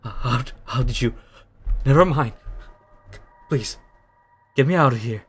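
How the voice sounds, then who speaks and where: A man's voice: medium pitch, slow pace, husky, pitched above the performer's own voice, exaggerated voice. A man voicing a strong young prisoner in a tabletop game, stammering, pleading and urgent.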